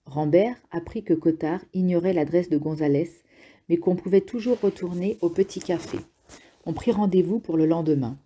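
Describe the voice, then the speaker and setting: A woman narrating an audiobook in a steady, even reading voice. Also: fairly low pitch, normal speed, breathy edge. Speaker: audiobook reader.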